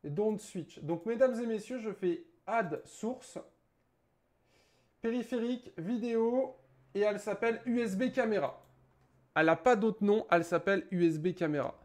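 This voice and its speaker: Setting up a webcam at his home desk, a young man reviews it informally for his tech YouTube channel, joking, rambling and cursing along the way. He speaks in a high-pitched voice at a moderate pace.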